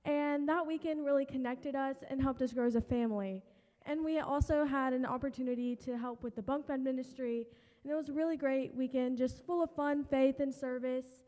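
A young woman with a high, youthful voice delivers a prepared testimonial as a youth group member. Her words carry the long reverb of a church hall. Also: fairly even intonation, brisk, mellow. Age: teens to young adult. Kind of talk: prepared short speech to a congregation. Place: large church room.

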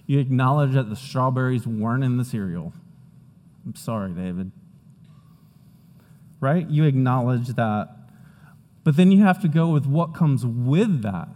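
A man preaching a sermon as pastor, earnest and emphatic, dropping to a hushed tone at times. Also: mid-range voice, big-room sound.

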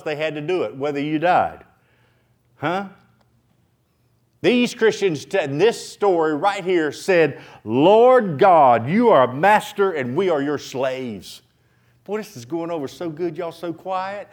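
A man preaching a sermon in church, animated, swinging from loud outbursts to quiet asides and acting out prayers. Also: a little high, moderate pace. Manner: acts out prayers in dramatic voices.

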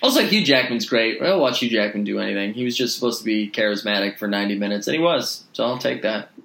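A man's voice: on the low side, animated, fast, gravelly, fairly bright tone, reverberant. A man co-hosting a casual podcast, rambling chattily about movies. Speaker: podcast co-host. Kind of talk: casual chat.

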